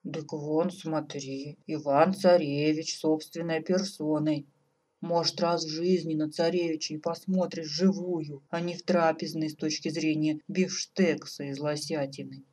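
Folksy male elk, slow drawl, lowish, voiced by a woman. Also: fairly even intonation, darkish tone.

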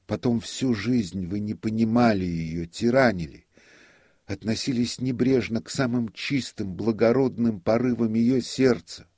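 A man's voice: fairly low pitch, measured pace, a little mellow, dry recording, studio quality, voice pushed up. A man doing a flustered timid young technician. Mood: reproachful. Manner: hesitant, stammering, mumbling.

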